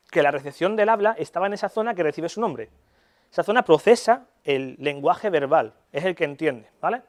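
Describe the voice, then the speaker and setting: Chatty Spanish man lecturing casually. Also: sits high. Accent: Spanish (Spain). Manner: casual, chatty, frequent "¿vale?" check-ins; colloquial, swears in jest. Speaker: neuropsychology lecturer. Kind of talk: university lecture.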